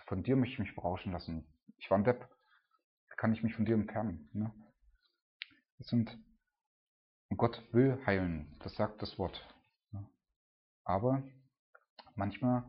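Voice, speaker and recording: A preacher with a lowish voice delivers a loose, conversational sermon, often slipping in "ne?" and rising to loud cries when he retells dramatic scenes. The sound quality is lo-fi.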